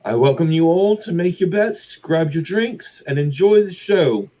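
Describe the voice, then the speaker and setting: A man's voice: fairly high pitch, animated, a little slow, warm tone, pitched above the performer's own voice, low-quality recording. A man voicing a flamboyant baroness who welcomes a crowd to an arena with grand, showy announcing.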